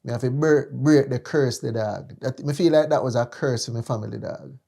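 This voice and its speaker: A man's voice: mid-range voice, a little fast, vocal fry, dark tone. A man with a Jamaican accent hosting a casual chat in slangy, emphatic Patois. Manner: slangy, emphatic, repeating check-in phrases. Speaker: podcast host. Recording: music behind the voice.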